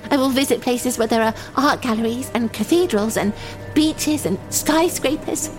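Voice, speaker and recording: A lonely, childlike young runaway acted by a woman confides in the listener in an audio drama monologue. The voice is fairly high, naive and wistful, with simple, halting phrases. Music plays clearly behind it. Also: close to an everyday voice, poor audio. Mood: dreamy, hopeful.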